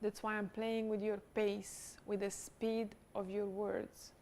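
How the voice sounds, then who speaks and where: A woman coaching a pitch workshop, giving direct, encouraging instructions. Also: level tone, takes it slowly, a little mellow, slight background noise.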